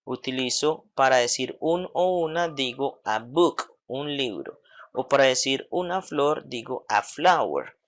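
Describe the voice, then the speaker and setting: A man teaching English grammar in Spanish, who says each English example slowly and often checks with "¿sí?" and "¿cierto?". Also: medium pitch, animated. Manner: checks understanding with frequent "¿sí?" and "¿cierto?". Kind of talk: slow classroom explanation of grammar.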